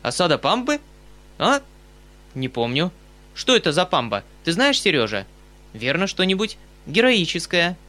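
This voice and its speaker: Мужчина играет шумного добродушного старого полковника. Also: male voice, high voice, sing-song, moderate pace, long pauses, bright, forceful tone, voice pushed up, heavily acted. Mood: excited. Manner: exclaiming, fussy, eager. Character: excitable good-natured retired male colonel, older.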